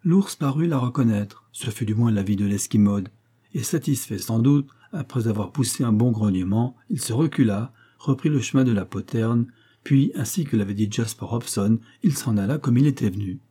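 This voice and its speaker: A man reads a classic adventure novel aloud in a steady, unhurried manner. His voice is very dark and mellow, with a husky grain to it. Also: mid-range voice. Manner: steady, even-paced narration. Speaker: audiobook narrator.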